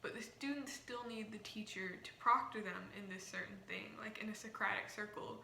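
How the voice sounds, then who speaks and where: A woman's voice: medium pitch, fairly quick, gravelly, pushed and bright. A young woman with a slight lisp, as if wearing a retainer, explaining ideas casually and informally to a camera. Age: young adult. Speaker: vlogger. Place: small indoor room. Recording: roomy echo, faint background noise.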